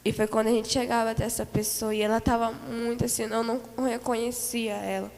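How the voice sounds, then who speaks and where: Earnest Brazilian woman, gravelly voice. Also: a little high, level tone, brisk, darkish tone, in a large hall. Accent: Brazilian Portuguese. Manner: earnest, repetitive storytelling with many fillers. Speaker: church member giving testimony. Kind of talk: spoken testimony of a vision. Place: church hall.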